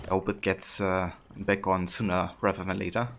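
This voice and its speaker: Low, monotone, gravelly young man. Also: background noise. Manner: hesitant, pausing, reads chat aloud. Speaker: livestreamer. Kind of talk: casual game-stream chat.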